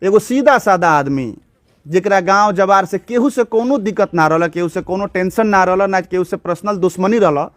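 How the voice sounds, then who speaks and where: A man's voice: high voice, no room sound, studio quality. A male local news reporter with a Bhojpuri accent, asking questions in an on-the-spot report and soothing the grieving family. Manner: soft, consoling with the children, urgent when questioning. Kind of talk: on-the-spot field report and interviews.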